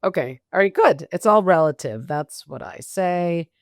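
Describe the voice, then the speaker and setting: A woman's voice: on the low side, animated, moderate pace, no echo, studio quality. A woman hosting an interview podcast, chatting casually with joking asides. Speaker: podcast host.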